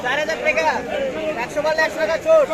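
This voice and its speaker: Male auctioneer rattling off bids real quick, very high voice, big crowd noise around him. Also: flat delivery. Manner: repeats prices in a loud call. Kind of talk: auctioneer's rapid bid calling. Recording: loud crowded outdoor market, traffic.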